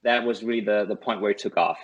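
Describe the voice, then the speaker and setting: A German man with a lowish voice speaks English as a second language, talking quickly with fairly even intonation on a muffled recording. He's a course student appearing as a guest in a casual call interview, earnestly sharing tips, repeating words and often tacking "right?" onto his points.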